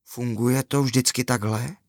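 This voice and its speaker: A man voicing an eager young schoolboy in a children's story, with high, excited exclamations. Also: no room sound, clean studio sound, close to an everyday voice.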